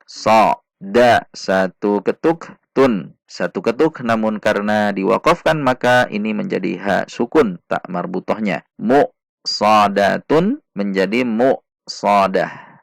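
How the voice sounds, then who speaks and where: A man teaching Quran reading, patiently sounding out syllables one by one and chanting the verses slowly. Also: lowish voice, creaky, dry recording, studio quality. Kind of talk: slow step-by-step recitation lesson.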